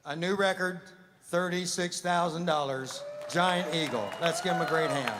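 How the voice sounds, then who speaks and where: High-pitched auctioneer guy rolling out bids nonstop, crowd murmur and some noise behind him. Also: moderate pace. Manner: rhythmic rolling number chant with sudden loud calls. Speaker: livestock auctioneer. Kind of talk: rapid auction chant. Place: fairground show ring with a crowd.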